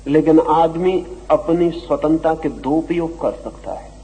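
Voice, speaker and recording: A man giving a slow, deliberate spiritual discourse, his voice swelling and dropping for emphasis. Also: a little high, mellow, big-room sound, low-quality recording. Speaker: spiritual teacher. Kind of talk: philosophical discourse.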